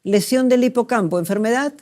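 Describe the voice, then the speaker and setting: Man lecturing with a mellow voice. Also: very high-pitched, fairly quick. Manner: explanatory, asks rhetorical checks, acts out patients. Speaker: medical lecturer. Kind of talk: exam review lecture.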